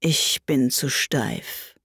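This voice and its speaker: A woman voicing a melancholy mock turtle in a storybook reading, speaking slowly with sighs. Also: extremely low pitch, wildly swooping pitch, gravelly, fairly bright tone, slightly rough, dry recording, clean studio sound, pitched below the performer's own voice, exaggerated voice. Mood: mournful. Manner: slow, sighing and plaintive. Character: melancholy sighing mock turtle, slow and mournful.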